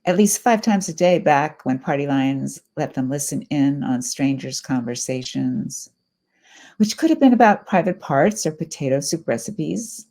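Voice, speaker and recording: A middle-aged woman poet giving a reflective, unhurried poetry reading. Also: deep voice, expressive, dark tone.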